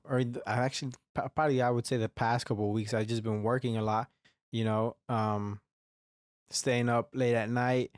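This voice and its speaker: A young podcast host with a medium-pitched voice rambles through a casual solo monologue, swearing heavily and restarting often. A slightly phlegmy, congested throat comes through in the dry, studio-quality recording.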